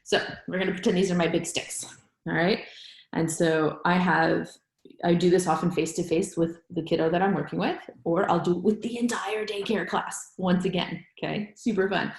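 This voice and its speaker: Speaking at a moderate pace in a lowish voice with fairly even intonation, a female child therapy trainer runs a staff session. She explains things conversationally and keeps checking that everyone's with her, in an echoey room with faint music behind.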